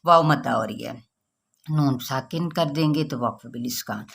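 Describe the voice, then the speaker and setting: A woman teaching Quran recitation rules patiently, checking with her listeners and drawing out example words slowly. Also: rumbling low, creaky. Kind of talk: tajweed lesson.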